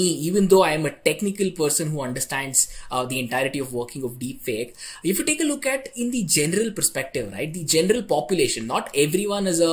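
A young man teaching a tech tutorial in a chatty way, often checking in with "right?". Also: a little high. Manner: conversational, ends points with "right?". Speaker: online instructor.

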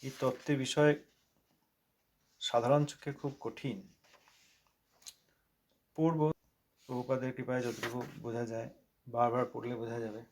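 A man who chants verses slowly, then reads aloud from a religious letter and explains it, repeating and rephrasing each point. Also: medium pitch, level tone, slight background noise. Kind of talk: devotional reading and commentary.

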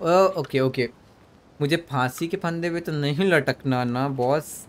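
High-voiced young man streaming, joking banter. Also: takes it slowly. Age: young adult. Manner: joking, switching between Hindi and English, yelling at the game character. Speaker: gaming streamer. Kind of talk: horror game live stream commentary. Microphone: desk microphone.

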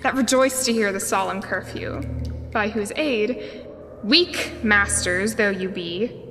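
Woman playing Prospero, a slow, grand sorcerer-duke. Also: medium pitch, bright, forceful tone, faint music behind. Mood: grand, commanding. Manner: grand, declamatory, deliberate. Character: commanding exiled duke sorcerer Prospero, solemn and grieving. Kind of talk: Shakespearean radio play acting in verse.

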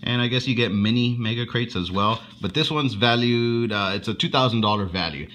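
A man doing casual unboxing commentary in a rambling, halting way, swearing freely as he goes. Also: mid-range voice, fairly bright tone, a little hiss or hum. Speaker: unboxing vlogger.

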